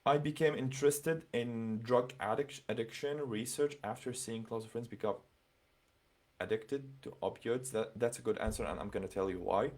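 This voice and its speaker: Chatty man reading comments on a livestream. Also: mid-range voice. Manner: chatty, many fillers, reads comments aloud and reacts. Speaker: livestream host giving scholarship interview advice. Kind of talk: casual livestream talk reading viewer comments.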